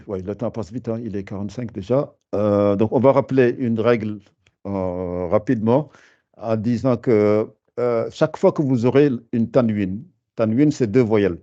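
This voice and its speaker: A man teaching Quran recitation in an online class, explaining rules patiently with many fillers and pausing to recite verses slowly. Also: on the low side, dark tone, lo-fi sound.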